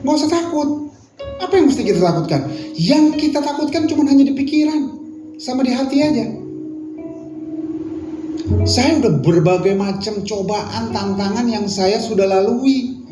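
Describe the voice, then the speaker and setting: A man's voice: very high-pitched, animated, moderate pace, long pauses. Impassioned preaching man, echoey hall. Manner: impassioned, swings from loud appeals to quiet reflection. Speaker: pastor. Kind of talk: sermon. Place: prayer meeting hall. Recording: echoey hall with music behind.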